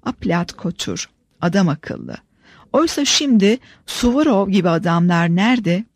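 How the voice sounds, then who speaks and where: A woman narrating an audiobook in a steady, measured reading. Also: mid-range voice, breathy edge, dry recording. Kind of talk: scripted narration.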